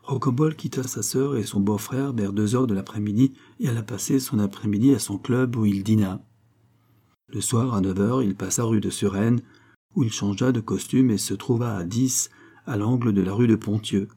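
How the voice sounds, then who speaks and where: Low husky male audiobook narrator. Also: moderate pace, mellow. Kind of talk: scripted narration.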